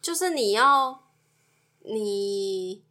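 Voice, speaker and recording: A woman's voice: medium pitch, animated, extremely slow, sharp tone. A woman co-hosting a casual chat, asking probing, teasing questions. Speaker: podcast co-host.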